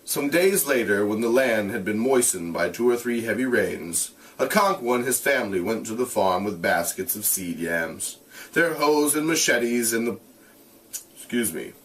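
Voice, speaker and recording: A man who sounds like a teacher reads a novel aloud, adding casual asides that explain it in plain terms. His mid-range voice is expressive and a bit bright, at normal speed, recorded from a distance.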